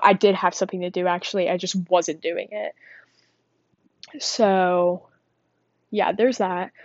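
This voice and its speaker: A teenage girl talks casually and a bit out of breath, her middle-pitched voice wandering from thought to thought with lots of fillers. The sound is dull and dry, recorded close in a small quiet space. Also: no echo. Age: teens. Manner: rambling, chatty, self-deprecating with frequent fillers. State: winded, out of breath. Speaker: student vlogger. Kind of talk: casual rambling monologue.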